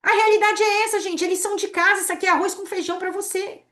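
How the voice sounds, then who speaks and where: A woman pastor delivers a lively sermon in a high, bright voice. She talks to her listeners directly and acts out whole prayers in her own voice as she teaches. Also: rapid-fire. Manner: animated preaching, acting out prayers.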